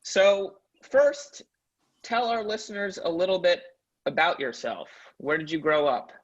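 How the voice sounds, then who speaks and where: A man hosting a podcast interview, speaking in an earnest, measured way. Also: a little high, very animated, fairly bright tone. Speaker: podcast host. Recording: slightly dull, lo-fi audio.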